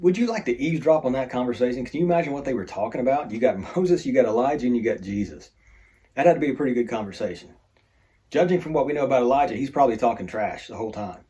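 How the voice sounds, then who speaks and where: Male Bible study teacher, warm low-key tone, chatty, tosses in jokes. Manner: conversational, with joking asides.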